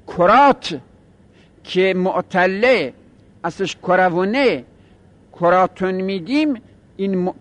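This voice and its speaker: A middle-aged man teaching grammar in a seminary style. He explains patiently step by step and moves between quoted Arabic examples and plain remarks. His voice sits a little high for a man. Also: a bit bright.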